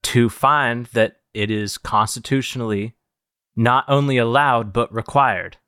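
A man's voice: medium pitch, a little slow, fairly bright tone, clear, resonant tone, no room sound. Man speechifying in a dry close-mic. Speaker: podcast co-host. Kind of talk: comedic improv sketch.

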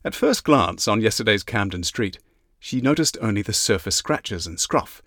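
Low-voiced man reading an audiobook. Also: expressive, normal speed, a bit bright, no echo, studio quality. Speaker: audiobook narrator. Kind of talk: scripted narration.

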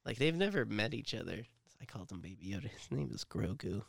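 A man's voice: lowish voice, big pitch swings, quick pace, vocal fry, fairly bright tone, no room sound, clean studio sound. A man chatting casually as a podcast co-host, rambling with lots of fillers and joking asides. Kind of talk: casual fan discussion.

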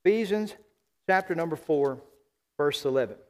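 A pastor from South Arkansas preaches to his congregation, his somewhat high voice rising into emphatic calls between calmer scripture reading. A long reverb trails every line through the church. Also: normal speed. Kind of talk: sermon.

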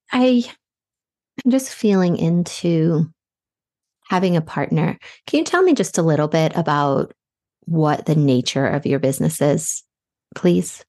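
A woman hosting a podcast, speaking softly and affectionately as she gives a guest an intuitive reading. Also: lowish voice. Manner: slow, soft-spoken, affectionate. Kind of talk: gentle reflective podcast talk.

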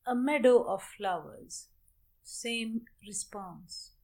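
A woman teaching a guided meditation gives measured instructions in short phrases separated by long pauses. Her voice is a little high with a darkish tone.

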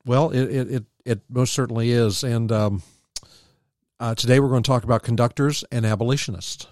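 A man's voice: medium pitch, steady tone, brisk, a little mellow, no room sound, clean studio sound. A man working as a radio co-host, talking and reading announcements on air. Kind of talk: promotional announcement read and casual radio talk.

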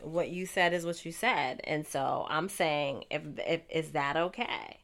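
Woman, podcast co-host, blunt, profane, challenging, casual chat, lowish voice. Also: a little slow, fairly bright tone.

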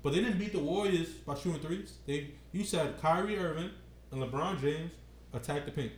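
A man with a slightly high voice pushes his point through stumbles and restarts. The echoey room carries a faint hiss behind him. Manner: halting, stumbles and restarts, insistent. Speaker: podcast co-host. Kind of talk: casual sports debate.

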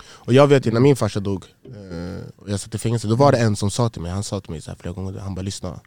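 A man's voice: lowish voice, gravelly, a little mellow, no room sound. En man som pratar rakt och vardagligt i ett poddsamtal och säger ofta "du vet" och "förstår du". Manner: frank, streetwise, says du vet often. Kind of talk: casual podcast conversation.

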